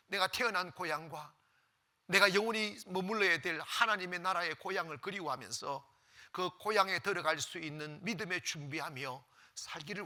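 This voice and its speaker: A pastor preaching a sermon, swinging from loud exclamations to near-whispers and repeating phrases for emphasis. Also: male voice, high voice.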